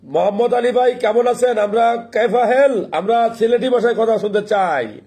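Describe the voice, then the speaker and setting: A man hosting a casual live call-in stream, friendly and laughing often, slowly repeating phone numbers to viewers. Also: very high-pitched, mellow.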